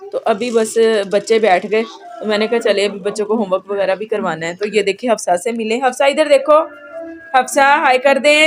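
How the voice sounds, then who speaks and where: A woman vlogging at home as a mother, chatting casually and speaking straight to her viewers. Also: on the high side.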